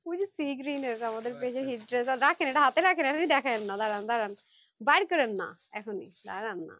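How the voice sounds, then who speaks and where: Animated and fast, a woman with a fairly bright, high-leaning voice pushes clothes in a quick Facebook live sale. She keeps up chatty, pushy banter with viewers, though she's worn out and tired.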